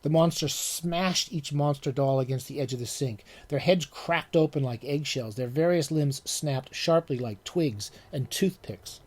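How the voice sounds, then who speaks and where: A man, an author, reading his own literary short story aloud with measured, deliberate delivery. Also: a little high, darkish tone.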